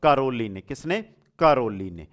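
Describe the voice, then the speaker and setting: Unhurried and lively in intonation, this man's mid-range voice leads an exam lesson for an online coaching class. He asks questions, gives and repeats the answers, and addresses the students in a familiar way.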